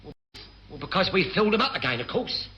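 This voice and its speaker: Pertwee, a bright, scheming navy chief. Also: male voice, high voice, very animated, quick pace, lo-fi sound, exaggerated voice. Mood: breezy, sly. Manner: brash, wheedling, offhand. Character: wily, scheming, cheeky navy chief petty officer. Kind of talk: classic British radio sitcom acting.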